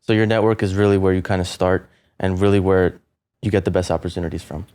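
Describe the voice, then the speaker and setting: A lower-pitched man hosting a podcast interview. He moves at a brisk clip through a scripted introduction and his questions, and he answers with short, quick affirmations. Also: level tone, darkish tone. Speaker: podcast host.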